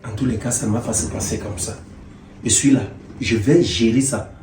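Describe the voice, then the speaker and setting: A man plays a domineering husband who lectures and barks at his wife, his high voice climbing into shouts. He sounds distant and roomy, as if from an echoey room away from the mic. Light music plays behind him. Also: animated, normal speed. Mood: muttering. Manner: blustering, hectoring, rising to shouts. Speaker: husband in a comedy web series.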